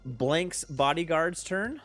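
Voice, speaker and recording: An animated game master with a lively, swinging pitch calls out turns and counts distances. Soft synth music plays underneath. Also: male voice, takes it slowly. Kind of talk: running a tabletop game.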